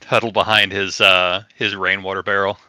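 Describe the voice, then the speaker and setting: A man's voice: low-pitched, flat delivery, moderate pace, bright, forceful tone, no echo. A man chatting casually as a player in a tabletop game.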